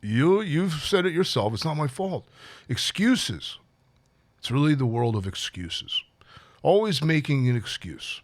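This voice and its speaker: Speaking unhurriedly with big pitch swings, a medium-pitched man talks alone to camera, and there's no echo. He's a life coach in a casual, reflective mood, peppering his words with fillers and restarts for his audience.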